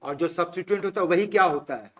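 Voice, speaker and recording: A man, his voice sitting a little high, drills a classroom through questions. He repeats each answer back and coaxes the students onward in a patient teaching manner. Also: very fast, fairly bright tone, dull audio. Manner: coaxing, repeats answers, calls students beta. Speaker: chemistry teacher.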